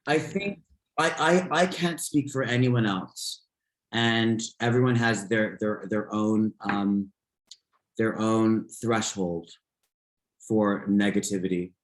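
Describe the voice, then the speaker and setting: A man's voice: on the low side, slow pace, roomy sound. A man guesting on an interview podcast, talking casually and rambling with many restarts and fillers. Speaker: podcast guest, fitness instructor.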